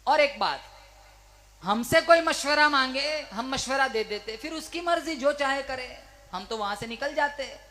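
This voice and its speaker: A fervent male preacher delivering a sermon. His tone is bright and forceful, and he rouses the listeners and calls on them to answer back. His delivery swings between loud exhortation and quieter storytelling. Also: extremely high pitch, animated, measured pace. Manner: fervent, rousing, calls for crowd responses.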